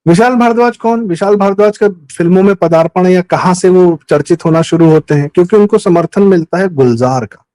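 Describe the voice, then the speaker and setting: Emphatic high-voiced man posing questions. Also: fairly quick, few pauses, dark tone, poor audio. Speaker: guest commentator. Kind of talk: political talk show discussion.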